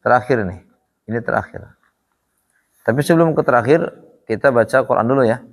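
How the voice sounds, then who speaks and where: Guru tajwid pria, suara serak, gema aula. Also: male voice, mid-range voice. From Indonesia. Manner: drills students with repeated questions, slow and patient. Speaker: Quran recitation teacher. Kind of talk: tajwid lesson. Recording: echoey hall reverb.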